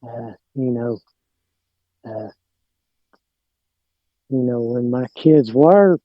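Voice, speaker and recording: A middle-aged podcast guest with an Appalachian mountain accent, owner of a lawn care business, speaks extremely slowly in a mid-range voice. His casual chat rambles, hesitates and often fades out, and the audio is dull with no echo.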